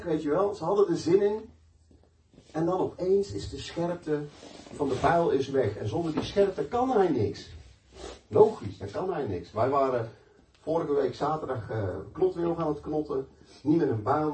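A man's voice: on the high side, darkish tone. Man preaching in an echoey room. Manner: storytelling, conversational and emphatic. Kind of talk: sermon with personal testimony. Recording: echoey room, mic at a distance.

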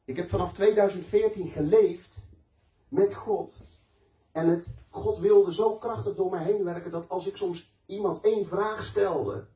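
A man preaches a sermon in a warm, high-sitting voice with a steady tone and measured pace. He tells stories conversationally and emphatically, mixing in personal testimony. The mic is at a distance in an echoey room.

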